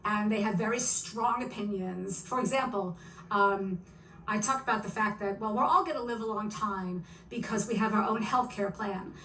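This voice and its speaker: Laughing older woman, roomy and distant. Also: a little high. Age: about 70. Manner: animated, laughing, repeats words. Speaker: podcast guest, stand-up comic. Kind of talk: casual interview storytelling. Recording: roomy, distant mic, background noise.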